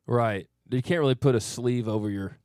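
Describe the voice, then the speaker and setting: A mid-range, darkish voice at normal speed belongs to this country singer from Arkansas, in his thirties, who answers interview questions thoughtfully and modestly. The casual radio studio chat is clean studio sound on a studio mic with no room sound.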